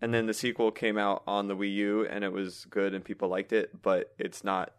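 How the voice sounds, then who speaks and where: A lower-pitched man co-hosting a casual podcast chat. He tells long, animated stories and rambles as he goes. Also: moderate pace, clear, resonant tone. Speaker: podcast co-host.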